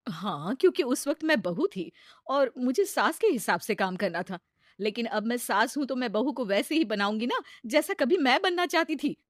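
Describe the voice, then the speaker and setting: A woman playing a kind, patient middle-aged mother-in-law in a cartoon story, speaking gently and motherly. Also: fairly high pitch, expressive, moderate pace, dry recording, clean studio sound, close to an everyday voice. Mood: calm.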